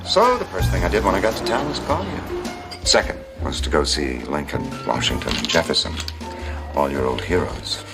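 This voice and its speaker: Smooth-talking ex-lover, very deep, music behind. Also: male voice, big pitch swings, normal speed, full character voice. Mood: coaxing. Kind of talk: sitcom acting. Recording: music playing underneath.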